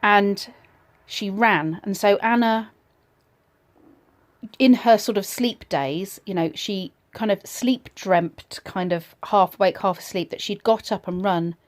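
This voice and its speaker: A woman casually telling a personal ghost story in a reflective, slightly hesitant way, pausing between short phrases. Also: medium pitch.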